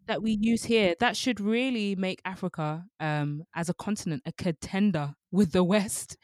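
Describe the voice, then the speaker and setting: A woman's voice: mid-range voice, moderate pace, darkish tone, dry recording, clean studio sound. A young woman, co-hosting a casual book discussion podcast, chatty with many fillers and frequent laughs. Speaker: book club podcast co-host.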